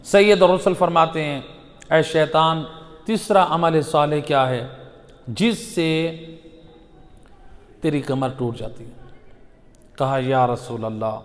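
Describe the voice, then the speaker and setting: A man's voice: on the high side, pauses often. Impassioned man preaching in a reverberant hall. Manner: impassioned, swings between loud exhortation and soft recitation, chants blessings. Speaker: Shia preacher. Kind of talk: majlis sermon.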